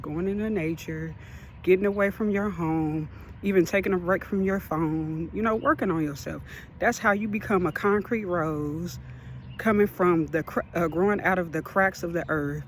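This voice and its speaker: A man with a notably high voice speaks straight to his viewers in an earnest, encouraging vlog. He rambles with plenty of fillers and sounds a little out of breath, with faint ambient sound behind him. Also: slight background noise. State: a bit out of breath. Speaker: vlogger. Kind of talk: motivational vlog talk.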